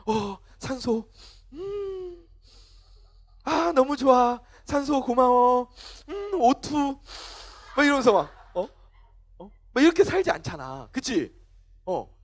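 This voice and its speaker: Very high-voiced, lively male preacher. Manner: animated storytelling, acting out scenes. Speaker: pastor. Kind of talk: sermon to children.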